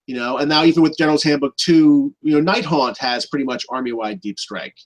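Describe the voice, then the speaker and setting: Here a slightly high-voiced man speaks fairly quickly over poor audio. Appearing as a guest on a tabletop gaming program, he chats about the hobby in a relaxed, conversational way, peppering his explanations with "you know."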